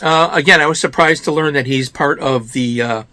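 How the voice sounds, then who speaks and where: An American man with a raspy voice, slightly hoarse from a cold, giving informal book commentary as a host in an emphatic way, often asking and answering his own questions. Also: on the high side, moderate pace, sharp tone, dry recording. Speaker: host of a book review show.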